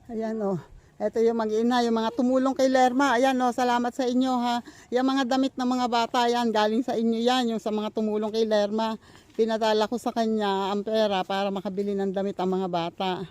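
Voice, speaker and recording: A woman's voice: a little high, little pitch movement, a little fast, darkish tone. An older woman vlogging outdoors in the countryside, out of breath from walking and rambling with fillers as she thanks her supporters. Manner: rambling, many fillers and restarts while walking. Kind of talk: casual vlog thank-yous and chat.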